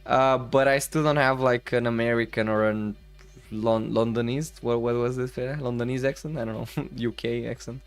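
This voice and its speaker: A man's voice: medium pitch, fairly even intonation, moderate pace. A young man from the Balkans chatting casually on a stream over vlog footage, rambling with lots of fillers and laughing easily. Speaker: streamer host.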